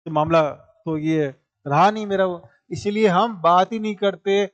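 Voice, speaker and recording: A man's voice: sits high, a little slow, dry recording, lo-fi sound. A male maths teacher, giving a classroom lecture, explaining step by step, repeating points and asking rhetorical questions.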